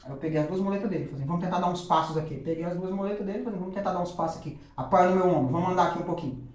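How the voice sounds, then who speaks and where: A man's voice: high-pitched, very fast, darkish tone, heavy reverb. A man, a guest on a podcast, animatedly telling a personal faith testimony with lots of quoted dialogue.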